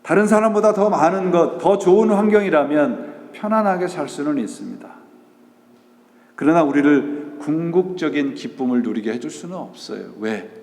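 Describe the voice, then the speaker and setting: A man's voice: a little high, animated, normal speed, darkish tone. A male pastor preaching a Sunday sermon, asking rhetorical questions and answering them himself, and mixing English words into his talk. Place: church sanctuary. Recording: echoey church hall.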